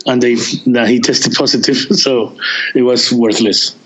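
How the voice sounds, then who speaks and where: A man guesting on an interview as a touring band member, telling stories in a halting way with many restarts and searches for words. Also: mid-range voice, steady tone, fairly bright tone, poor audio. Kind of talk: casual interview chat.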